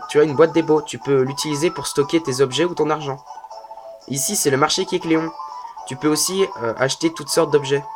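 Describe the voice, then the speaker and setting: A young man commenting casually on a game he is playing, chatty and joking, often restarting his sentences. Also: a little high. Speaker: let's play host.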